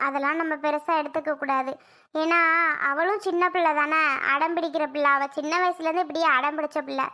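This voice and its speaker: Casting: woman playing a gentle cartoon aunt, high bright voice, soothing and motherly. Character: kind middle-aged aunt, soothing and patient. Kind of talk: cartoon voice acting.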